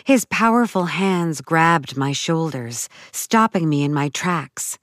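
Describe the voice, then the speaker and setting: A woman narrating a first-person audiobook story in a measured, dramatic way. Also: low voice, lively intonation, dry recording, clean studio sound.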